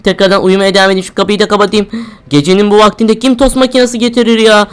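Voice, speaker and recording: A woman's voice: medium pitch, steady tone, very fast, smooth. Jumpy woman gaming. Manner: jumpy, exclaiming, talking to herself. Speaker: game streamer. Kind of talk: horror game commentary.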